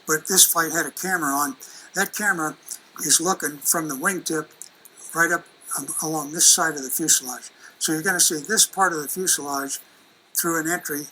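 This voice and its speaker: A man's voice: a little high, fairly even intonation, moderate pace, pushed and bright, slight background noise, rough recording. An older man giving a folksy, conversational lecture as an aerospace engineer, presenting slides and video clips with many restarts.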